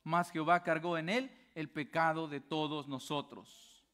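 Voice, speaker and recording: Male pastor with a high voice, preaches with passion and fires rhetorical questions, dropping quiet and then getting loud. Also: fairly even intonation, unhurried, clear, resonant tone. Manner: swings between low hushed stretches and loud emphatic ones. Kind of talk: sermon.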